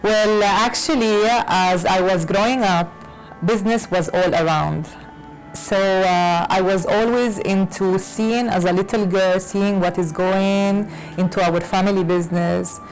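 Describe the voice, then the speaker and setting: Lebanese-born woman designer, hesitant, lots of uhs, soft music under. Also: mid-range voice, steady tone, measured pace, low-quality recording. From Lebanese, raised in Latin America. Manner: hesitant, many fillers and restarts. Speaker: fashion designer guest. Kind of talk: conversational interview.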